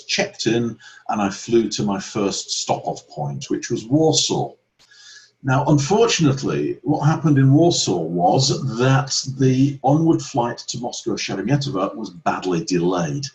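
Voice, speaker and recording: A man's voice: lowish voice, muffled recording. A man training English teachers in a webinar, asking the audience questions and acting out how students would reply. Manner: lively, questioning, acts out students' replies.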